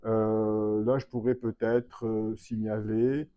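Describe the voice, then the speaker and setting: A man's voice: fairly low pitch, little pitch movement, slow, dry recording. A man, a veterinary public health professor, explaining his field in an interview with many hesitations and fillers, recorded with dull lo-fi sound. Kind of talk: expert interview answer. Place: trade fair hall.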